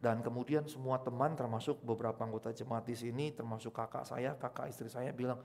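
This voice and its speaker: A middle-aged man preaching a conversational sermon in a church, swinging from loud exclamations to quiet, intimate asides. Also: mid-range voice, fairly even intonation, quick pace, creaky. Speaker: pastor.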